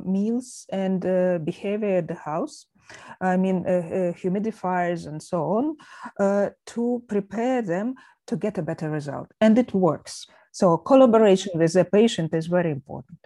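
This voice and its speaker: Female surgeon on an expert panel: Russian accent, mellow dark tone, hesitant phrasing, very dry close sound. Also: medium pitch, dry recording. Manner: hesitant, halting delivery with many pauses. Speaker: eye surgeon, panel guest.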